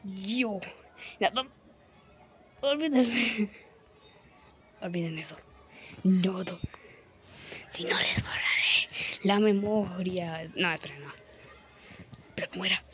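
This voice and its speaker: A woman's voice: lowish voice, slow, pauses often, fairly bright tone. A woman giving casual gameplay commentary, playfully boasting, grunting with effort and whispering asides, her throat a little sore. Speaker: gamer.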